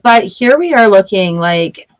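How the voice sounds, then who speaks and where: A tarot reader works through a casual reading, first reading the card text aloud and then meandering into chatty, playful remarks. Her ordinary-pitched voice is expressive and unhurried, and the sound is lo-fi.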